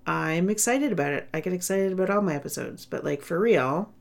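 A woman podcast host with a ratchety, smoker's rasp in her voice, talking in an informal, playful, chatty way. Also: lowish voice, lively intonation, a little fast. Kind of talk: upbeat casual solo podcast talk.

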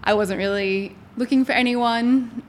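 A woman's voice: on the high side, steady tone, unhurried, a little hiss or hum. A woman hosting a relationship podcast, chatting in an upbeat, casual way. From Australia. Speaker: podcast host. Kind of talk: casual chat.

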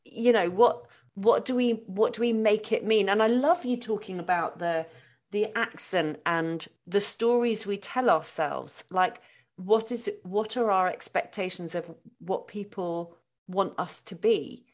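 A woman's voice: mid-range voice, a little slow. A woman hosting a casual, conversational interview, sharing her own thoughts as well as asking questions. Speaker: interviewer, fellow doula.

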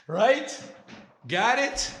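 A man with a Brazilian accent teaches English in a live online lesson, slowly repeating every phrase and switching between English and Portuguese. His voice sits high, with a fairly bright tone and a breathy edge.

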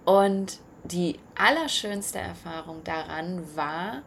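A woman hosting a podcast, telling a personal story in a chatty, lively way with many fillers. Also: lowish voice, slow pace, creaky, slight background noise. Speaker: podcast host. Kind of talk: reflective personal monologue.

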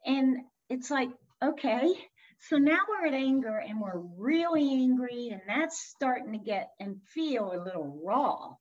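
A woman's voice: sits high, expressive, unhurried, lo-fi sound. A woman who practises tapping, chatting casually on a podcast and telling a story, often repeating her words.

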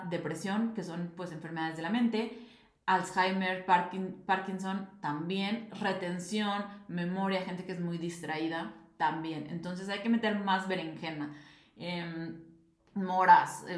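A young woman talks casually as a podcast host, chatty and animated, full of fillers. Her voice sits at an ordinary middle pitch. The room around her gives a clear echo. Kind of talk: casual nutrition talk.

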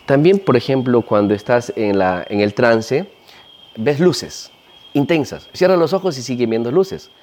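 A man's voice: mid-range voice, measured pace. A man with a Peruvian Spanish accent, an ayahuasca practitioner talking in a casual interview and animatedly acting out the people he describes. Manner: animated storyteller, acts out quoted voices.

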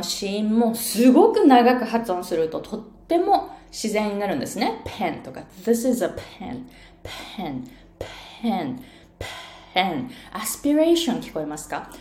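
A woman's voice: mid-range voice, darkish tone. Woman coaching pronunciation, drags out sounds to show them, echoey room. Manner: demonstrates sounds by exaggerating them. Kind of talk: bilingual pronunciation lesson. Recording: roomy echo.

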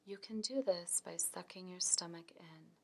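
Her fairly low, soft voice drops almost to a whisper, breathy and calm, as she reads a guided relaxation script. The woman gives her soothing instructions at an unhurried pace.

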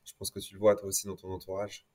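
A man's voice: low-pitched, monotone, fast, darkish tone. A man speaking as an interview guest, reflecting conversationally on his experience and dropping occasional English words into his French.

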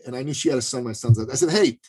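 Man, husky voice, mid-range pitch, casual storyteller, business coach on a podcast, loose conversational delivery. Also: racing, warm tone. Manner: conversational, peppered with "you know" and "right". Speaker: podcast guest.

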